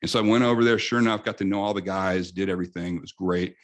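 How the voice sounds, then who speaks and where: In a laid-back interview, a US guest in his fifties recounts stories with animation, frequently starting over. Low-pitched and quick-paced, he keeps things moving.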